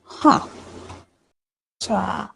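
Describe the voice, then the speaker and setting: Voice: drawn-out words, bright, forceful tone, soft background music, low-quality recording. A co-host of a live weather stream, casual, often muttering under the breath between reports.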